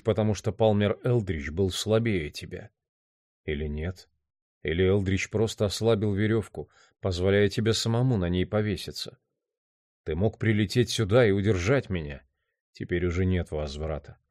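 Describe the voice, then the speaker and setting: A man voicing a weary, despairing man who broods quietly to himself, in an audiobook reading. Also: low voice, no room sound, clean studio sound, lightly acted.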